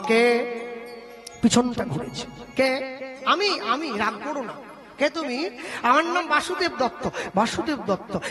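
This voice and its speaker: A man performing a devotional kirtan, telling a story to his listeners and acting out the characters' dialogue. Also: extremely high pitch. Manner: acts out dialogue, asks the audience questions.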